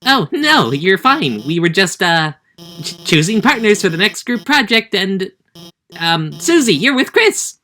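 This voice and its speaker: A woman's voice: mid-range voice, big pitch swings, unhurried, bright, forceful tone, pitched above the performer's own voice. A woman voicing a nervous female lizard teacher who stammers timidly.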